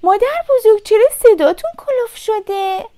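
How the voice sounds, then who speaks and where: A woman voicing a sweet, innocent little girl in a storybook reading, speaking in a high, sweet, wide-eyed manner. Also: mellow.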